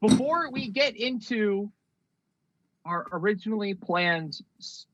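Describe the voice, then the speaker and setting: Male co-host, higher voice, dry wit, steers the talk; dry, slightly lo-fi sound. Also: animated, slow pace, a bit bright, no room sound. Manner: dry, laid-back, steers the show along. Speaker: podcast co-host. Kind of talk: casual chat. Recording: dry, slightly dull lo-fi audio.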